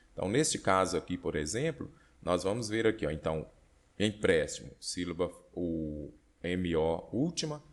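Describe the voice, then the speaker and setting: A Brazilian man with a notably low voice walks students through exam questions in an online prep lesson. He explains patiently, one step at a time, and keeps checking in with short questions to his listeners. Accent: Brazilian Portuguese. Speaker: Portuguese exam tutor.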